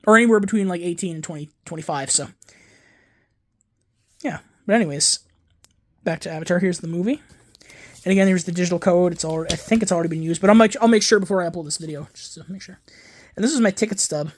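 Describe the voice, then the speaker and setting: A man in his twenties, a home video collector and YouTuber, shows off his film disc collection in a casual vlog. His high voice moves quickly yet with long pauses as he rambles, digresses and corrects himself mid-sentence with fan enthusiasm.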